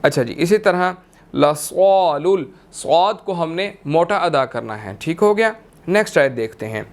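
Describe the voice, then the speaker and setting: A man teaching tajweed, chanting verses slowly and melodically and then explaining them briskly. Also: on the high side, expressive. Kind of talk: tajweed lesson with chanted recitation.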